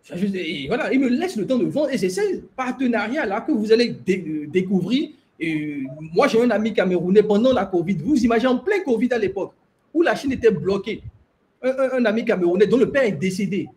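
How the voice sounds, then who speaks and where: A man's voice: sits high, sing-song, a little fast, darkish tone. A man talking animatedly in a group discussion, telling stories with many restarts. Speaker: host. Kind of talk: enthusiastic discussion.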